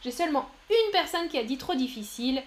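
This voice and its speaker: A woman teaching French on a live stream, reading out viewers' chat answers and praising them warmly. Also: sits high, lively intonation, fairly quick, slight background noise. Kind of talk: live-streamed language lesson.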